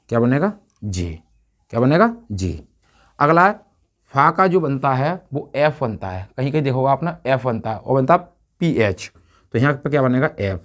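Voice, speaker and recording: A man teaching a grammar lesson at a whiteboard, asking questions and answering them himself, repeating key words. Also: mid-range voice.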